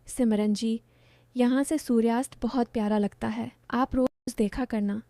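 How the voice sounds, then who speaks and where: In a romantic audio story, a woman narrator voices a teasing, protective young man, her tone a little high and mellow, recorded close and dry. The delivery is playful, with fairly even intonation and a slightly slow pace.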